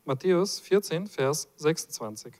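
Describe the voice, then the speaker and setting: A man preaching, his voice sitting high and swooping up and down as he talks. He reads scripture and breaks into playful asides to the congregation. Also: lively intonation, normal speed, a little mellow. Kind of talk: lively sermon with Bible reading.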